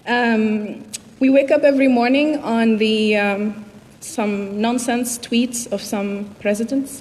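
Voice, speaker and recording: A young Tunisian woman, speaking with a Tunisian accent, gives a motivational keynote at a youth summit, addressing the audience directly. Her voice is a little high with a darkish tone. The large indoor hall makes the recording echoey, with long reverb and background noise.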